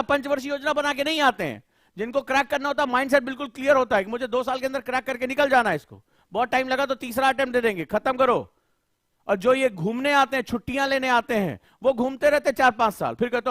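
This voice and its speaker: A man's voice: extremely high pitch, a bit bright, dry recording, studio quality. A male coaching teacher lecturing students, firing rhetorical questions and scolding them.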